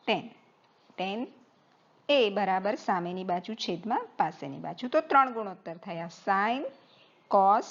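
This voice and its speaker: A woman's voice: fairly high pitch, highs cut off. A woman teaching a math lesson, patiently spelling out terms letter by letter as she writes on the board.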